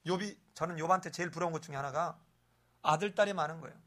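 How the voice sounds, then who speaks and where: Male pastor, animated expository preacher, bright forceful delivery. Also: fairly high pitch, quick pace. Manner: animated storytelling, rhetorical questions. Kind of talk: expository sermon.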